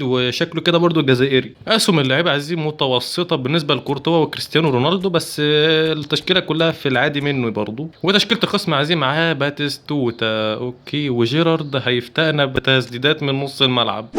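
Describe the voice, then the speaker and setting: A man with an Egyptian Arabic accent giving excitable commentary while playing a football video game, chanting player names in quick bursts. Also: on the high side, background noise. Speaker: gaming YouTuber. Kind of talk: live gameplay commentary.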